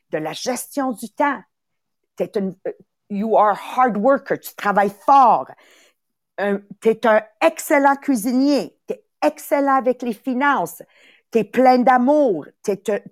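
On her motivational podcast, a woman acting as host and coach gives an upbeat live talk, repeating words for emphasis and slipping into English. Her medium-pitched voice has a darkish tone, captured in a dry, clean studio.

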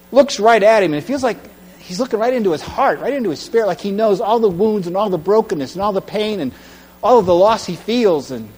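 A man preaching a sermon, retelling a story dramatically and swinging from hushed tones to loud cries. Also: sits high. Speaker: pastor. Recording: long hall reverb with mains hum.

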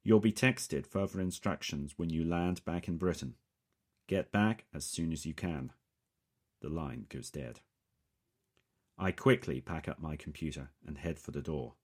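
A man reading a first-person thriller audiobook in a measured, dramatic way. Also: very deep voice, a little mellow. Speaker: audiobook narrator.

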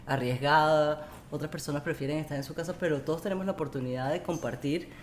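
A woman's voice: sits low, fairly even intonation, fast talker, a little hiss or hum. A woman in her forties hosting a podcast, chatting reflectively and dropping in English words. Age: 40s. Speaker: podcast host. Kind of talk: casual conversation.

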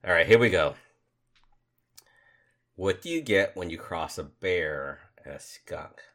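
A man bantering casually and telling dad jokes, excitable and quick to break into laughter as he talks. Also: deep voice. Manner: laughs readily while talking. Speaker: podcast co-host.

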